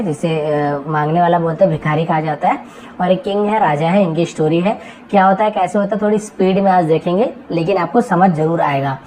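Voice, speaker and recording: A woman teaching an English translation lesson. She reads English slowly word by word, explains each word in Hindi, and often checks that her students follow. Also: on the low side, a little mellow, low-quality recording. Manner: checks understanding with frequent questions. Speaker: English tutor.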